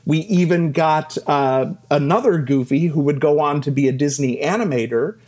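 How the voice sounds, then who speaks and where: A middle-aged man telling stories from his career in a casual interview, animated and self-deprecating, laughing and acting out quotes. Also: fairly high pitch, moderate pace. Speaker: interview guest.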